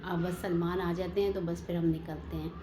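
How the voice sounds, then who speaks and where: Speaking briskly in a fairly low, flat voice, this woman narrates a casual family vlog, addressing viewers as "janab" while filming on her phone. She moves between home and a family birthday party, and background noise is audible.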